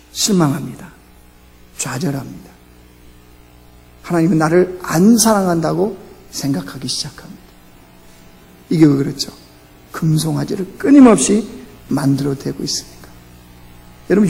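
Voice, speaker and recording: A man preaching a Sunday sermon as pastor, asking rhetorical questions, climbing to emphatic peaks and then dropping low. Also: moderate pace, gravelly, pauses often, mellow. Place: church sanctuary. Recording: church hall reverb.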